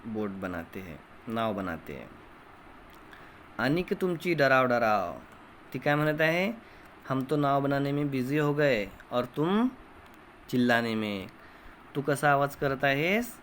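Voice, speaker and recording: A man teaching a children's poem, chanting each line and explaining it slowly, switching languages as he goes. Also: mid-range voice, lively intonation, a bit bright, a little hiss or hum. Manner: chants poem lines and repeats them. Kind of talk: online class lesson.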